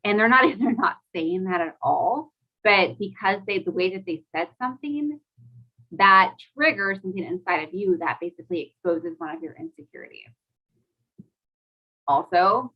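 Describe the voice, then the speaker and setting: A woman's voice: mid-range voice, breathy edge, muffled recording. A woman, a mother, talking casually to a live audience, chatty and full of "like"s, asking them questions. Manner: chatty, many "like"s, asks the audience questions, laughs often. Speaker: host of a live talk.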